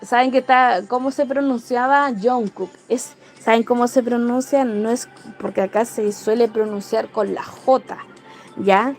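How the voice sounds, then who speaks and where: A woman's voice: a little high, steady tone, a little slow, soft background music. A Chilean woman hosting a casual livestream, chatting in a rambling way and greeting viewers by name. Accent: Chilean Spanish. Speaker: livestream host. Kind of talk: casual live-stream chat.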